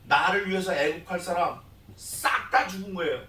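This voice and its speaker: A male pastor delivers an animated expository sermon, his voice high and bright. He keeps putting questions to the listeners and acting out the voices in scripture. The sound is roomy and a little distant, as if caught from across the sanctuary. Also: normal speed. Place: church sanctuary.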